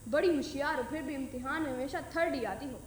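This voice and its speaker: A woman's voice: high voice, fast talker, distant mic, a little hiss or hum, pitched below the performer's own voice, natural voice. A woman voicing a mischievous boy who teases his sister, in an echoey room. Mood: sly. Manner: sly, teasing. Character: mischievous boy, scheming prankster.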